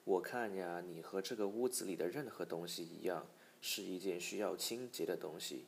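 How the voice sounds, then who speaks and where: Brisk young maid in a storybook, scolding, low voice, as a man reads her. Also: vocal fry, slight background noise. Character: eager young woman maid, brisk and rough.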